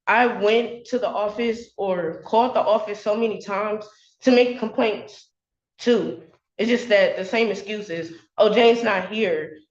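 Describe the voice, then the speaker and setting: A woman's voice: mid-range voice, unhurried, darkish tone. Upset young woman testifying in an echoey courtroom. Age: young adult. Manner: upset and defensive, many "like" fillers. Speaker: college student defending an eviction. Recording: echoey, dull courtroom audio.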